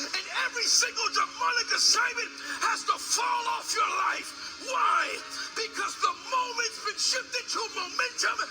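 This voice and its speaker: A man preaches from the pulpit microphone in a church sanctuary, his voice pitched very high and ringing sharp. He tells a story in a hush and climbs into full shouted preaching. Soft music sits faintly behind him. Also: low-quality recording. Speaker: pastor. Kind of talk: sermon.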